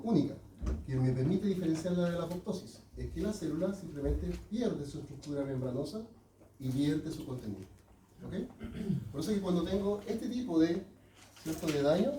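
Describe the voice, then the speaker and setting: Heard from far off in a reverberant classroom, this man lectures in a slightly high, warm voice. He keeps checking in with his students through frequent questions, and a little hiss or hum sits under the recording.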